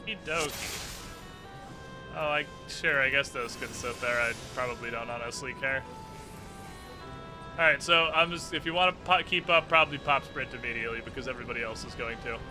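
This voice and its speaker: A game streamer with a medium-pitched voice talks briskly, giving casual, joking commentary with some swearing. Game music plays behind his voice.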